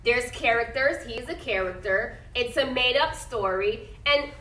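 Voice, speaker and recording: In this classroom read-aloud, a woman teacher speaks a little high and a little slow, her tone pushed and bright. She keeps interrupting the picture book to ask questions and check in with "okay?". The recording sounds distant and echoey, like it was made across the classroom.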